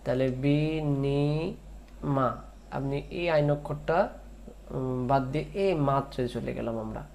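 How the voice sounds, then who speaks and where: A man teaching Quran recitation, drawing out the verses in a slow chant between spoken explanations. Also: mid-range voice, fairly even intonation, gravelly, darkish tone, slight background noise. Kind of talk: tajweed lesson with chanted recitation.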